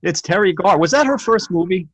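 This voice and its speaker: Fast, lively man cutting in playfully. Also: high-pitched. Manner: quick, playful, interjecting. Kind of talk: casual film discussion.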